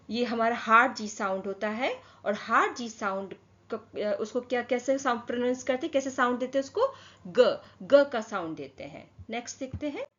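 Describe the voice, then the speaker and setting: A woman's voice: fairly high pitch, a bit bright. A woman teaching a phonics lesson to children, stretching out each example word and asking questions as she goes. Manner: slow, drawn-out word modelling with repeated questions. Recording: dull lo-fi sound.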